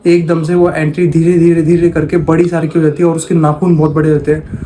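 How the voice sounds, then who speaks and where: A man's voice: on the high side, flat delivery, quick pace, warm tone, slight background noise. A man casually telling a horror story, talking in a conversational way and repeating phrases for emphasis.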